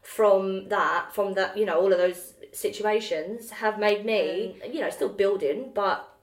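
Animated woman telling stories, roomy sound. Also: medium pitch, measured pace. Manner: animated storyteller, acts out quotes, swears freely. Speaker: podcast co-host. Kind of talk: casual chat. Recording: roomy echo.

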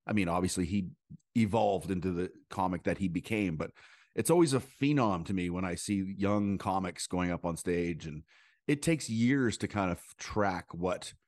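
A male comedian chatting as a podcast guest, his voice sitting low and recorded dry and close with no room sound. He rambles through stories with quick asides and fillers. The tone is loose and conversational. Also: a little mellow, no room sound. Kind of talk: casual conversation.

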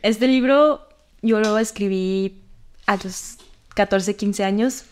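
A woman's voice: mid-range voice, takes it slowly, a little hiss or hum. A young woman from Sinaloa, a writer chatting as a podcast guest, candid and self-mocking. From Sinaloa, Mexico. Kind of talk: casual chat.

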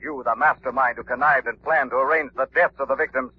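Male actor as mysterious mocking vigilante, deliberate menace, dull vintage radio drama sound. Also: medium pitch, fairly even intonation, breathy edge, lightly acted. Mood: taunting, menacing. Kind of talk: old-time radio drama acting. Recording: muffled, hissy vintage radio recording.

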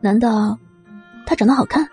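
A sly, quick-witted young heroine, voiced by the woman narrator. She coaxes and teases lightly in a breathy, husky voice, and faint music plays underneath. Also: a little high, mellow. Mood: teasing. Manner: light, teasing, coaxing.

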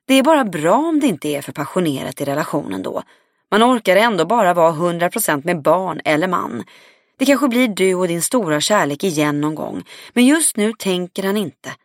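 A woman's voice: on the low side, no echo, clean studio sound. A woman narrator voicing a blunt, confident woman friend in an audiobook, outspoken and swearing freely. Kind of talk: audiobook dialogue reading.

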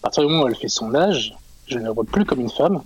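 A husky man in his forties speaks as a caller on a live call-in show. He talks haltingly, stopping and restarting often, with a breathy, slightly rough tone. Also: medium pitch, expressive, poor audio. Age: 40s. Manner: hesitant, halting, frequent fillers. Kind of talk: radio call-in chat.

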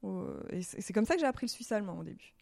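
A woman from Alsace chatting as a guest in a relaxed interview, telling her story at an easy conversational pace. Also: medium pitch, very fast, gravelly. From Alsace, France. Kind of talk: casual interview chat.

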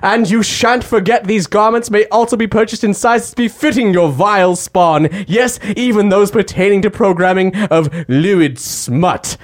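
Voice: mid-range voice, unhurried, few pauses, lightly acted. A podcast host putting on a pompous, mock-archaic upper-class herald to read a comedic store ad. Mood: grandiloquent. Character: pompous olde-English herald of a merry band.

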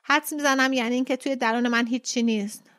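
A woman voicing a quiet, weary man in a story read aloud, speaking in a subdued, hesitant way. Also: sits high, steady tone.

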